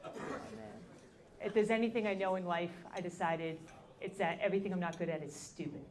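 A woman's voice: on the low side, steady tone, a little fast. A woman performing a stand-up comedy set on a club stage into a handheld mic, dry and self-deprecating, casual with lots of fillers. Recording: live audience laughter.

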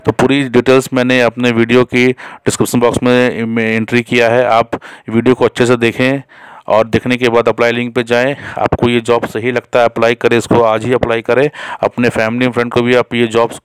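A man's voice: medium pitch, monotone, brisk, smooth, no room sound. A man hosting a job channel, talking casually in an unscripted voice-over with many fillers and restarts.

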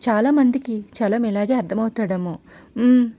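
Mellow-voiced woman narrating a story. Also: on the high side, normal speed, dull audio. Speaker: audiobook narrator. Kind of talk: scripted narration.

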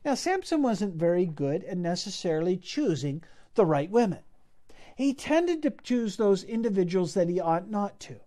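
A man's voice: high voice, sing-song, normal speed, dark tone. A man preaching a sermon, retelling a Bible story in a casual, conversational way with asides to the listeners. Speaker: pastor.

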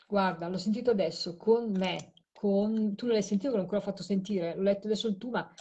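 A woman's voice: mid-range voice, fast, mellow, husky, lo-fi sound. A tired woman hosting a late live stream, talking to a caller while she replays audio clips. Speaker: host of a live show on spirit voice recordings.

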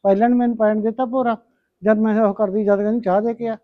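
A woman's voice: fairly high pitch, flat delivery, fast talker, close to an everyday voice. A middle-aged woman, playing a tired, patient mother-in-law in a village family drama. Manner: gentle, weary, calls her "son". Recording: dull lo-fi recording.

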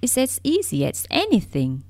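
A woman voicing a lively wild rabbit who talks in a mocking, boastful way. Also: fairly high pitch, moderate pace, no room sound, voice pushed up. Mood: teasing. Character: lively wild male rabbit, teasing and proud.

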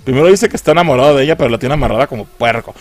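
A man's voice: mid-range voice, rapid-fire. A man with a Mexican accent giving a casual, profane film review. He mocks the movie and laughs often.

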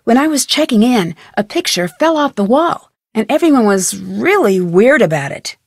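In clean studio audio with no room sound, a woman speaks single scripted lines as a video game's polite, curious young amateur detective. Her voice is on the high side and sing-song at a moderate pace, and her questioning comes across friendly, inquisitive and clearly articulated.

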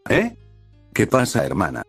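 A man's voice: medium pitch, huge pitch swings, unhurried, gravelly, a bit bright, breathy edge, no echo, soft background music, full character voice. A man voicing a shy, lovesick young woman warrior who pleads and turns tearful with her sister. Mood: timid.

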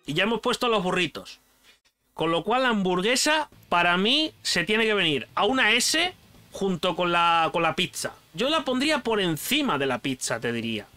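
Over quiet music, a high-voiced young guy from Spain talks at a normal pace while building a food tier list for his channel. His Spanish-accented chat is lively and slangy, and he keeps addressing the viewer as "tío".

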